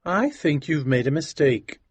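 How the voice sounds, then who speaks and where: A polite reserved gentleman. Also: a little high, lively intonation, a little slow, husky, no echo. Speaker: Winterbourne. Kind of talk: audiobook dialogue acting.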